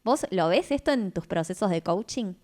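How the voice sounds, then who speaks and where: A woman's voice: mid-range voice, lively intonation, moderate pace, darkish tone. A woman radio host who talks in a thoughtful, explanatory way and often ends her points with a questioning tag. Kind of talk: reflective conversation.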